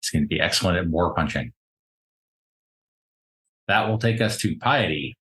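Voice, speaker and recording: A man running a tabletop game as game master, narrating in a lively, animated way. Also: deep voice, normal speed. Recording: roomy echo.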